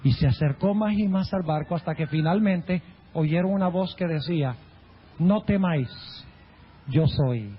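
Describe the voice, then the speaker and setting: A man's voice: unhurried, a little hiss or hum. A man, a pastor, giving a sermon with dramatic delivery, swooping his voice up and down and acting out the voices in the stories he tells. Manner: dramatic preaching, swooping pitch, acts out quoted voices. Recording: dull lo-fi recording.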